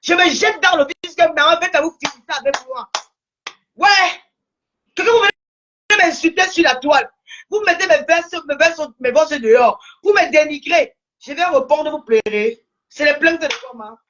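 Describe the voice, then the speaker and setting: A woman's voice: sits high, moderate pace, fairly bright tone, dull audio, slight background noise. A woman with a Cameroonian French accent in a heated, scolding social media rant, repeating herself, her voice cracking at times. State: angry.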